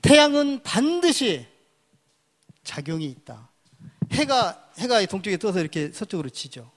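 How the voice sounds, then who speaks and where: A man with a high voice delivers a public lecture, walking through each character piece by piece. He points at the board as he goes and often poses a question, then answers it himself. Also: sing-song, a little slow. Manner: asks and answers his own questions.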